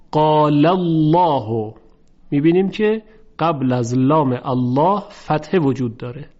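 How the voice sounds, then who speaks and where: A man teaching a lesson on Quran recitation rules, speaking slowly and carefully and drawing out the example words in chant. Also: fairly high pitch, darkish tone. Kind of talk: tajweed lesson. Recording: dull lo-fi recording.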